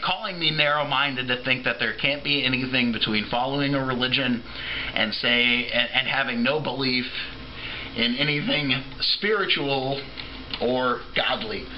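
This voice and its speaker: A man's voice: mid-range voice, muffled recording, a little hiss or hum. A man giving an off-the-cuff, drunken, rambling opinion rant as a video blogger, trailing off, restarting and swearing freely.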